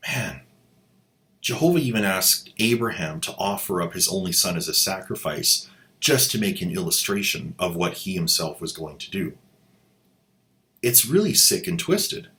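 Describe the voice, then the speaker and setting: With a deep, slightly bright voice, a male commentary host plays drama clips and ridicules them, sounding sarcastic and incredulous.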